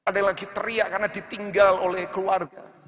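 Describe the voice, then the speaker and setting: A male pastor preaching an animated sermon in a church hall, swinging between shouts and hushed storytelling. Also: high-pitched, quick pace. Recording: long hall reverb.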